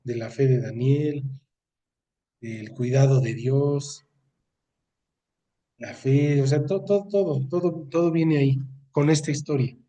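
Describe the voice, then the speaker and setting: Reading scripture and unpacking it in a relaxed, conversational way, this Mexican-accented man leads a Bible study, frequently checking in with "¿no?". His mid-range voice is dark in tone and slow with long pauses, picked up from a distant mic.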